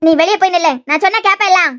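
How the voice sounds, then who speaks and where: A woman doing a stern, very high-voiced mother. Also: rapid-fire, a bit bright, no room sound, clean studio sound. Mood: firm. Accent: Kanyakumari Tamil. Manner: firm, commanding. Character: stern mother, firm and commanding. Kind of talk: cartoon voice acting.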